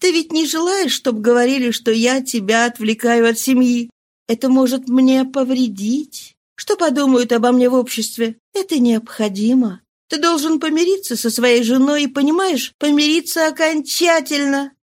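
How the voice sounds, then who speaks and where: A woman voicing an ailing young mistress who talks softly and persuasively in a read-aloud story. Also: high voice, moderate pace, voice pushed up, close to an everyday voice. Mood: tenderly pleading. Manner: soft-voiced, persuasive, coaxing.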